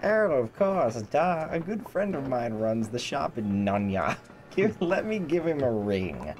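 A man's voice: mid-range voice, big pitch swings, unhurried, a little mellow, slight background noise. Man voicing a chummy chatty cat traveler. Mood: helpful. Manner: nosy, chummy small talk. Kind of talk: voicing game dialogue aloud.

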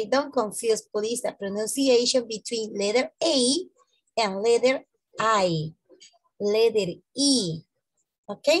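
Slow, husky-voiced woman teaching English letters. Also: a little high, dry recording. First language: Spanish. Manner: slow, drawn-out letter sounds, tags lines with "¿no?". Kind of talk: online pronunciation lesson.

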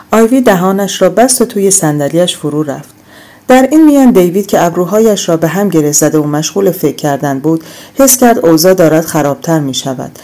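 A woman narrating an audiobook novel in a steady, measured reading. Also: lowish voice. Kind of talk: scripted narration.

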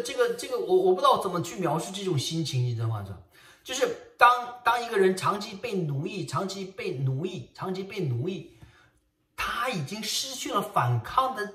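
Animated pastor preaching in an echoey hall. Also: male voice, sits high, distant mic. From Northeast China. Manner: animated and emphatic, with frequent stammered restarts. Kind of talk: sermon. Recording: echoey room, voice set back from the mic.

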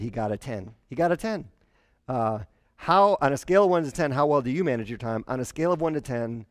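A pastor in his forties delivers a sermon through a headset mic, his mid-range voice chatty and lively. He acts out quotes in character voices, and the sound is dry and close with little room echo.

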